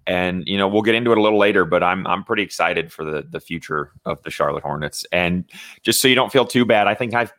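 Young Indiana man, deep low voice, casual sports-podcast co-host, rambling fillers, dry close mic. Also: fast talker, a bit bright, dry recording. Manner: conversational, many fillers and restarts.

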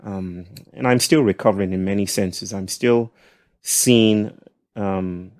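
A man from Nigeria with a nasal voice, speaking as a podcast guest in a thoughtful, halting way. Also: lowish voice, steady tone, no echo, studio quality. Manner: thoughtful, halting, with soft laughs. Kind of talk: reflective conversational storytelling.

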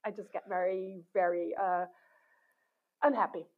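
A woman's voice: fairly low pitch, fairly even intonation, unhurried. Woman on a tinny call line. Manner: thoughtful, with many restarts and fillers. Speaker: guest, cognitive science researcher. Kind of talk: casual interview talk. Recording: tinny phone-like call audio.

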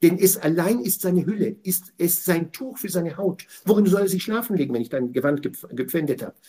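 A man giving a passionate weekly Torah commentary, swinging between quiet explanation and loud, indignant outbursts. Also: high-pitched, lively intonation, fairly quick.

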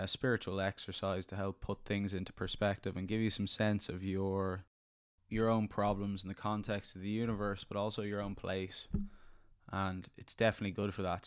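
Low, creaky-voiced man guiding meditation. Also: dry recording, studio quality. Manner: calm, unhurried, measured delivery. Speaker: podcast host guiding a meditation. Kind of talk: guided meditation.

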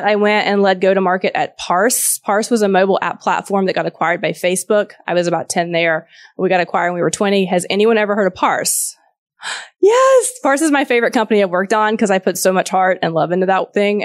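A woman's voice: mid-range voice, dry recording, studio quality. Chatty woman with a Southern US accent. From Georgia, US South. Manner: chatty, informal, asks audience questions. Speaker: venture capital partner, conference speaker. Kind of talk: informal conference talk.

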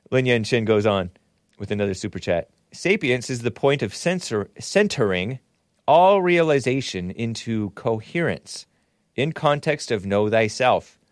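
A man hosting a live stream in a casual, rambling monologue, shifting between deliberate reading aloud and off-the-cuff replies. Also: medium pitch, expressive, dry recording, studio quality.

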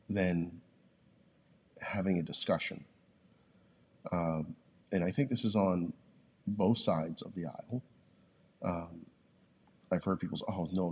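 A podcast co-host with a very deep, gravelly, darkish voice speaks thoughtfully and haltingly in casual conversation, frequently restarting his sentences. He's lying on a yoga studio floor, leaning in close to his podcast mic.

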